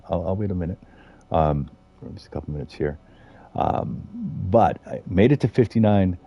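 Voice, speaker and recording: Brief: middle-aged male game streamer, very low gravelly voice, dark and husky, relaxed rambling commentary. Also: highs cut off. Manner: chatty, rambling, with fillers and chuckles. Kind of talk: casual gameplay commentary.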